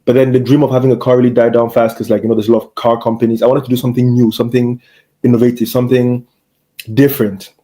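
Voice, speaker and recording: A man's voice: mid-range voice, little pitch movement, fast, warm tone. A young man from Cameroon, a medical doctor, telling his story in an earnest, reflective way as an interview guest. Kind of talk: casual interview chat.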